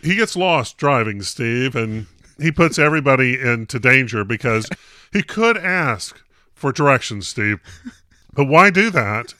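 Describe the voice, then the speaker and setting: A man's voice: medium pitch, lively intonation, measured pace, bright, forceful tone, no echo. A man co-hosting a podcast in casual chat, delivering jokes with dry, wry humor. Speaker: podcast co-host.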